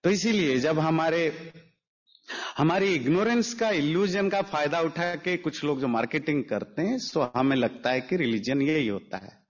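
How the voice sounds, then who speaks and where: A man's voice: fairly high pitch, lively intonation, normal speed. A man teaching a spiritual lecture in an emphatic, explanatory way, mixing in English phrases. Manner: mixes Hindi with English phrases. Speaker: religious teacher. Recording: dull lo-fi audio.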